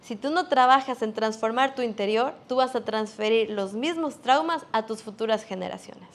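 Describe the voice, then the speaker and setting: Woman preacher, high pitch, earnest and emphatic sermon delivery.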